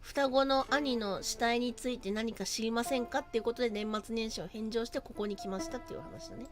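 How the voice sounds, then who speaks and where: A woman's voice: a little high, a little fast, music in the background. A woman streamer chatting casually over a game, laughing easily and often apologetic.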